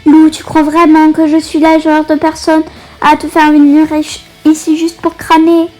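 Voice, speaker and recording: Bragging teen witch, high and bright-voiced, read by a woman playing a game. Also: monotone, moderate pace, faint music behind, close to an everyday voice. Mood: teasing.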